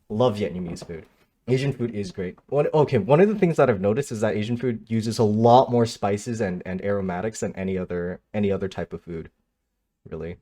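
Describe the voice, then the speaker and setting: A man's voice: fairly low pitch, a little mellow. A man streaming live, talking casually and candidly to his chat, swearing now and then and answering comments as he goes. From Michigan, United States. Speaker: livestreamer. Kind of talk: casual livestream talk to chat.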